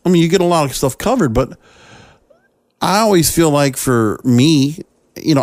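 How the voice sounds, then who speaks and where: A man hosts a podcast alone, delivering opinionated commentary, partly read from notes, in a conversational, emphatic, somewhat rambling style, often checking in with the listener. His voice is a little high and darkish in tone, with no echo.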